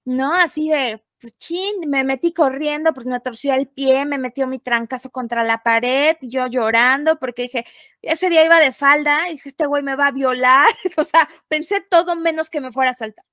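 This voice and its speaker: A woman's voice: high-pitched, normal speed, dry recording, studio quality. A young Mexican woman, a podcast guest, telling a personal story casually and animatedly, acting out what people said. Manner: animated, acts out quotes.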